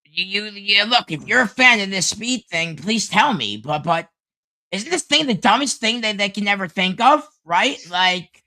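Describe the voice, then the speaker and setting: A man's voice: high voice, expressive, moderate pace, bright, forceful tone. A man co-hosting a wrestling chat show over an internet call, his stammering speech breaking up in corrupted, glitchy audio. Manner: rambling, stammering, restarts his words. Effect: corrupted glitchy audio cutting out over a bad internet connection. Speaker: wrestling podcast co-host. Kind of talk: casual chat.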